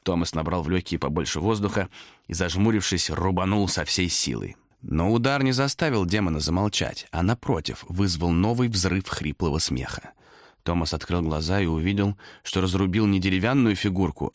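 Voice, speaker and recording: A man reading a horror story aloud as the narrator of an audiobook, dramatic and expressive. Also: sits low, moderate pace, dry recording, studio quality.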